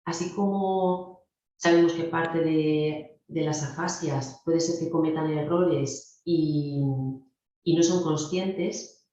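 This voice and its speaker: A middle-aged woman gives a clinical lecture in a low voice, explaining patiently and talking straight to the students. The sound is very echoey and dull, as if recorded lo-fi in a big bare room. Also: mellow, a little hiss or hum. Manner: explanatory, addresses students directly. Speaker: speech therapy lecturer.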